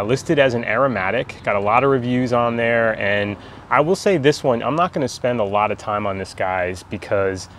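American man, forties, fairly deep voice, casual reviewer chat, halting delivery, backyard recording, faint ambient noise. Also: a bit bright. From United States. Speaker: pipe tobacco reviewer. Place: outdoors in a backyard garden. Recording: outdoor ambient background noise.

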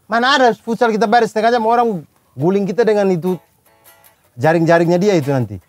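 A man cutting in with quick banter in casual chat. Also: high voice, no room sound, faint music behind.

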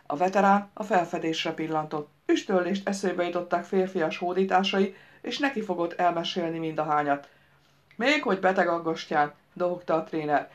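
Woman narrating a lively audiobook. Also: lowish voice, lo-fi sound. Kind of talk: scripted narration.

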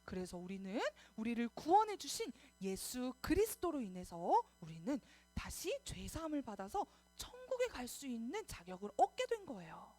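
A woman teaching preschoolers at a Sunday service, coaxing them in an animated, sing-song way to repeat after her. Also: a little high, moderate pace, few pauses, soft background music. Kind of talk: children's sermon.

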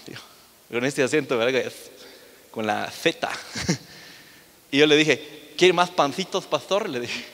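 A man's voice: medium pitch, fairly bright tone. A young man preaching a sermon in a church, firing rhetorical questions at the congregation. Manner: acts out the voices of people in his stories. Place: church hall. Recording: long reverb of a large hall.

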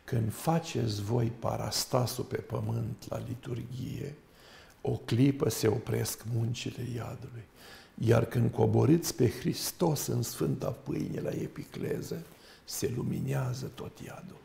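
A man voicing the skull of a pagan priest speaking from hell, in a hushed, low voice. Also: fairly even intonation, creaky. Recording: roomy echo.

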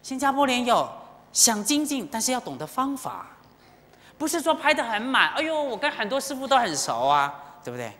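In a temple, a Buddhist teacher preaches fairly quickly in a mid-range voice, bright and forceful, with an expressive, swooping style. The sermon is rich in emotional storytelling and appeals straight to the listeners, and the hall lends a long reverb.

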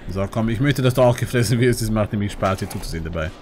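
A man doing let's play commentary on a game, excitable, yelping when startled and chatting to his viewers in between. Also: on the low side, fast, background noise. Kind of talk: gaming commentary.

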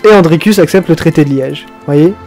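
Young male tutorial host, chatty and profane, slightly high and mellow, faint music under him. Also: brisk. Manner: chatty, swears, mock-dramatic outbursts. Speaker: video game tutorial host. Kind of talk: casual screen-recorded game tutorial.

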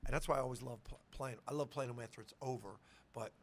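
A man's voice: mid-range voice, fast talker, a bit bright, slight background noise. A middle-aged man, a head coach, answering questions at a post-game press conference, talking casually from a table mic and often restarting his sentences. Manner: conversational, repeats words when starting sentences. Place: press conference room with sponsor backdrop.

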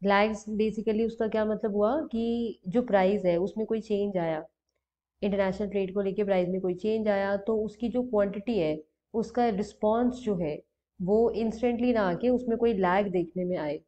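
Mellow-voiced woman explaining a lesson. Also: medium pitch, steady tone. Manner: explanatory, mixes English terms into Hindi, pauses to check. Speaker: economics teacher. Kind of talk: explaining lecture over a diagram. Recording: dull lo-fi recording.

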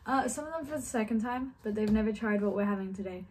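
A woman's voice: mid-range voice, quick pace, a little mellow, a little hiss or hum. A young woman from Malaysia presenting a food video, upbeat and eager, with frequent fillers. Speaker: host. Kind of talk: enthusiastic presenting to camera.

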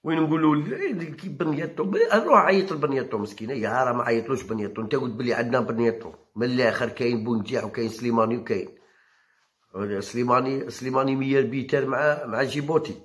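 A man with an Algerian Arabic accent who reads football news and then rants about it, combative and quick to argue back. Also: mid-range voice. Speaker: football commentator. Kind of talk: heated football talk. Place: home channel recording.

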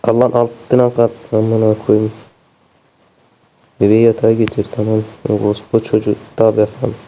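A man's voice: lowish voice, completely flat delivery, moderate pace. Foul-mouthed exasperated male gamer, dull audio. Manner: constant swearing, exasperated. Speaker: gameplay streamer. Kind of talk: let's play commentary. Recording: dull lo-fi sound.

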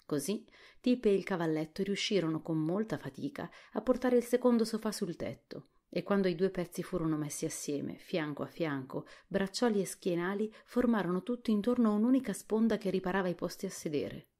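Woman narrator, low-pitched, soft and hushed, whispered role-play storybook. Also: a little fast, hardly any pauses. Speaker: audiobook narrator.

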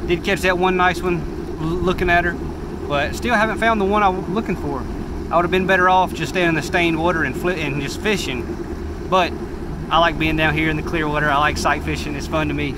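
A young man talking casually to camera while bass fishing on a lake, with loud wind in the background. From Alabama. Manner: excited, talks to camera while fighting fish. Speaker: fishing vlogger. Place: on a bass boat on a lake outdoors. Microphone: action camera on the boat. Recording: wind-blown outdoor camera mic. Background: loud wind and boat noise.

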